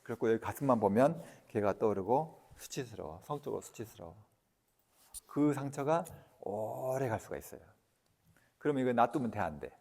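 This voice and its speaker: A male lecturer with a mid-pitched voice that swoops up and down as he talks, throwing frequent questions at his listeners. His voice carries a long reverb tail, as if it was recorded in a large hall. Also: normal speed, creaky. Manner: animated, quizzing the audience with questions.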